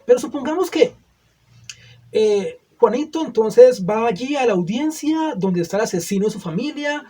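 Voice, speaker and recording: A man's voice: extremely high pitch, lively intonation, moderate pace, warm tone. A male preacher giving a sermon, earnest and full of rhetorical questions to the listeners.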